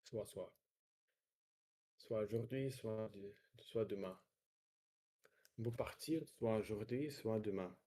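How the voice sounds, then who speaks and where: Man, Russian-accented French, dark soft-edged tone, raspy, halting, repeating practice phrases. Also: on the low side. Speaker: French learner practising with a partner. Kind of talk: language practice, repeating example sentences.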